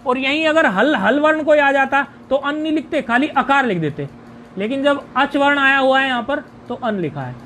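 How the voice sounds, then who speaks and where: Expressive and forceful, with a bright, extremely high-pitched tone, a man walks through Sanskrit grammar in a recorded video lesson. He questions himself, supplies the answers, and slowly lists word forms one after another over a faint hiss or hum.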